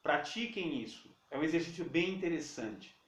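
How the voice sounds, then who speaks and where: A Brazilian man teaching English pronunciation in Portuguese. He repeats each word slowly and keeps checking in with his students. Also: a little high, animated, fairly bright tone, roomy sound, recorded from a distance. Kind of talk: pronunciation lesson.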